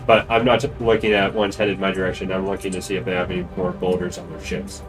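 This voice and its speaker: Lowish-voiced male tabletop player. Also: little pitch movement, fast talker, faint music behind. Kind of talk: casual in-game discussion.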